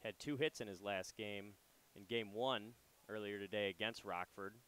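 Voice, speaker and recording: Chatting easily with loose fillers, a young man calls a baseball game on the radio from a ballpark booth, mixing play-by-play with casual commentary. His voice is fairly low and smooth, at a moderate pace.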